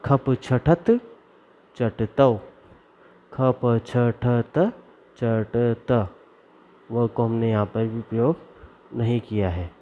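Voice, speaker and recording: Slow male teacher drawing out sanskrit sounds in a lesson, kinda muffled recording. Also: medium pitch, a little hiss or hum. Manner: slow, deliberate, drawn-out recitation of grammar formulas. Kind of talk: classroom lesson. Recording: dull lo-fi recording.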